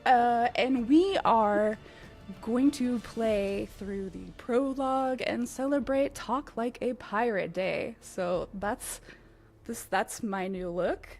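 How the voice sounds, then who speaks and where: Slow, giggly woman hosting a stream. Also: a little high, darkish tone, soft background music. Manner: giggly, easygoing, unhurried. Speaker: stream host. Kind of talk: live stream hosting while playing.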